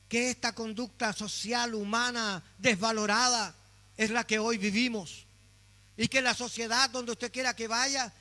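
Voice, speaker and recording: A male pastor delivering a sermon, preaching dramatically and swinging from soft, quiet passages to loud exclamations. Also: high-pitched. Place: church hall. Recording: echoey hall with mains hum.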